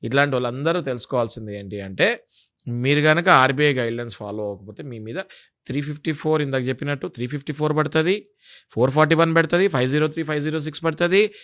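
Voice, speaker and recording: Male interview guest, high bright voice, firm lecturing delivery. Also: quick pace. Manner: emphatic, lecturing, lists legal sections. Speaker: interview guest explaining legal rights. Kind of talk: interview explanation.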